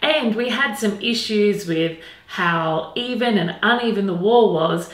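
A woman's voice: medium pitch, animated, a little slow. Gushing woman in an echoey room. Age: middle-aged. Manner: gushing, emphatic. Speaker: renovation show host. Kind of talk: makeover reveal presentation. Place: small indoor tiled hallway. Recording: echoey room, faint background noise.

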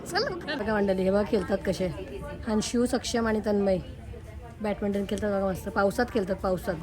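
With a handheld camera in a park playground, a woman with a Marathi accent vlogs outdoors, chatting casually to viewers and coaxing a small child. Her mid-range voice runs a little fast, and a crowd can be heard in the background.

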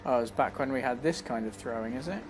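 A man chatting casually while playing a video game live, breaking into quick exclamations as he reacts. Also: mid-range voice. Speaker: streamer. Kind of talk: live gameplay commentary. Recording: game music playing behind.

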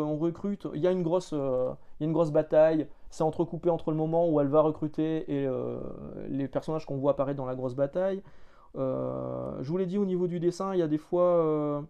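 A man's voice: fairly high pitch, mellow. A man giving a casual spoken review of comics, hesitant and filled with filler sounds, frank and blunt with slang.

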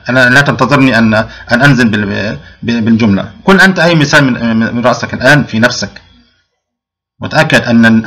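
A man's voice: medium pitch, pushed and bright. A male grammar teacher. He explains a lesson step by step, asks his pupils questions, answers them himself, and often restarts his sentences. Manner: frequent restarts and drawn-out fillers. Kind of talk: recorded classroom lesson.

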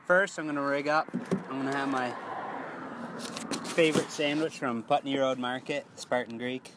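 A man's voice: medium pitch, steady tone, normal speed, noisy background. A young man talking casually to an action camera outdoors by the water, rambling and hesitant with many ums. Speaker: fishing vlogger. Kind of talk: casual vlog narration. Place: outdoors by a lake and in a boat. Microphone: action camera at arm's length.

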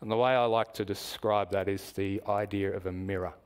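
Aussie guy giving a sermon at church, slow and explaining, asks the room questions, lowish voice. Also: steady tone, clean tone. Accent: Australian. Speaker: preacher.

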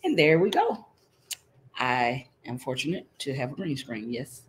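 Indoors in front of a green screen, a middle-aged woman reads a picture book aloud to young children, teacherly and interactive as she checks in with her listeners. Her voice rumbles low with big pitch swings at a measured pace. There's a little hiss or hum on the audio.

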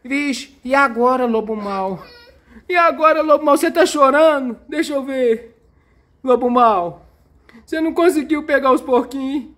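A woman's voice: high-pitched, moderate pace, a bit bright. A woman with a Brazilian Portuguese accent giving playful, exclamatory commentary as she films her children at play, teasing them and cheering them on.

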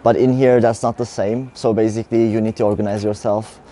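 A young man from Turkey, a master's student answering interview questions hesitantly, with many pauses, outdoors. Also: on the low side, little pitch movement, warm tone, slight background noise. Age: young adult. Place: outdoor city square.

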